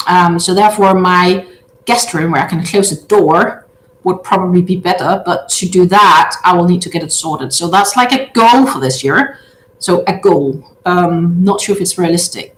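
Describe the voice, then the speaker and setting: A Danish woman in her thirties, a native speaker with a Danish accent, hosts a casual livestream from her large open-plan living room. She reads out viewer comments and chats haltingly with many filler sounds, in a lowish voice, and the recording has a roomy echo.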